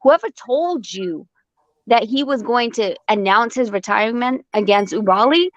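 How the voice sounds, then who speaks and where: A woman's voice: fairly high pitch, lively intonation, normal speed, dry recording. A woman who trains boxers, telling blunt, profane stories during a casual panel chat, with a muffled, dry sound. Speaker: boxing trainer.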